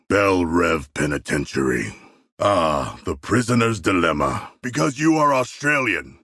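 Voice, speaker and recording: An actor playing a huge, proud but earnest and anxious shark demigod in a video game, speaking in formal, stilted, literal-minded phrases. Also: male voice, sits low, a bit bright, slightly rough, no room sound, studio quality, exaggerated voice. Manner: formal, stilted, solemn phrasing with few contractions. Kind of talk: video game character dialogue.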